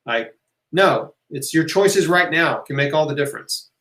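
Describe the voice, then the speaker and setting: This man's fairly high, somewhat bright voice is animated at a moderate pace as he hosts a casual live health Q&A. Conversational and emphatic, he cheers listeners on, repeats key phrases and keeps asking "right?" or "okay?". The room echoes noticeably.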